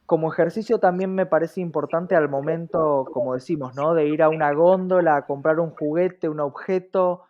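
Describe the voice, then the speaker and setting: Speaking at normal speed with few pauses, a low-voiced woman with an Argentine accent is interviewed as a guest. She reflects aloud conversationally, frequently tossing in rhetorical questions, and the audio is muffled.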